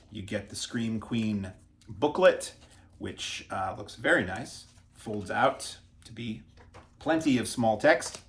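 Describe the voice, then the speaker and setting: A man's voice: lowish voice, creaky, a bit bright, slight background noise. A man hosting a casual unboxing video, chatty and self-deprecating as he stumbles over foreign names. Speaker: video host reviewing disc releases.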